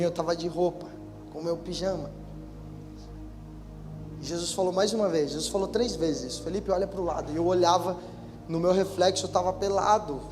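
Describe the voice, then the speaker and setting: A young man with a Brazilian Portuguese accent, a pastor preaching a sermon who moves from loud exhortation to quiet, personal storytelling. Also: sits high. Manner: preaches loudly at first, then tells a story in a quiet, intimate voice. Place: church hall. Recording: church hall reverb, music behind. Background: soft music.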